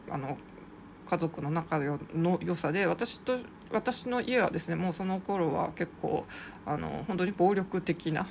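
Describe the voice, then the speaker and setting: A podcaster talking in a polite, rambling monologue, padding sentences with soft filler phrases. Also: medium pitch, creaky, slight background noise. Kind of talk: casual solo podcast monologue.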